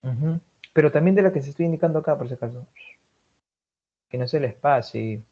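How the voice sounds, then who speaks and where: Speaking with a Peruvian Spanish accent, a man leads an online vocabulary class, drilling synonyms and frequently checking on his students. His voice sits on the high side with a dark tone, lively intonation, and a brisk pace, though the audio is dull.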